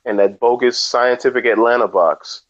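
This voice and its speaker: A man co-hosting a podcast in casual chat, joking with dry, deadpan asides. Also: medium pitch, moderate pace, muffled recording. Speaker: podcast co-host.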